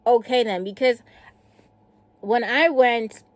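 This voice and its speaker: A lively woman from South Africa tells a story to her camera, acting out each exchange with casual swearing. Her voice sits a little high. The sound is dry, with no room echo. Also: takes it slowly. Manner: animated, acts out dialogue, casual swearing. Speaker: vlogger.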